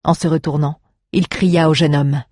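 Husky, dry audiobook narrator. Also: mid-range voice, level tone, moderate pace, a little mellow, dry recording. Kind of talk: scripted story narration.

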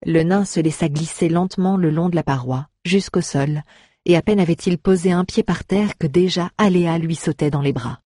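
Audiobook narrator; husky, even, dry close mic. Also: medium pitch, no room sound. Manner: even, measured storytelling. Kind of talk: scripted narration.

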